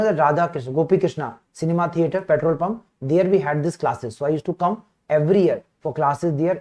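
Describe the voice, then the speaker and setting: This medical teacher, a man with a north Indian accent, gives an informal live online lecture, often clearing his throat, repeating phrases and checking in with his students. His voice sits on the high side with a dark tone.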